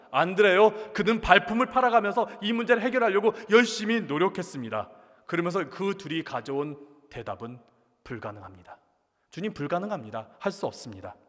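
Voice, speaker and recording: A male pastor preaching a sermon, telling the scripture story in an animated, dramatizing way. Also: high voice. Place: large church sanctuary. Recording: long reverb of a large church hall.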